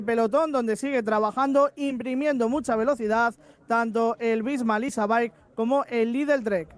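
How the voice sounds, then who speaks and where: A man reporting live on a cycling race as commentator, informative, in long running sentences. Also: very high-pitched.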